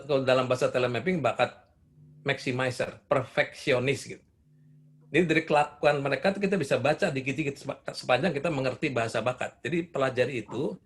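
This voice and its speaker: A man's voice: medium pitch, quick pace. An older man speaking at a parenting seminar, telling stories and asking the audience questions. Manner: asks the audience questions, warm storytelling. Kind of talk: seminar talk answering questions.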